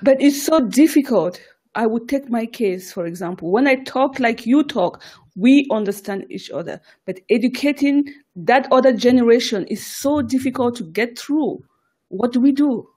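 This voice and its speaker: A woman's voice: fairly high pitch, expressive, normal speed, darkish tone, husky. A woman in a casual discussion as interviewer, engaged and given to repeating herself.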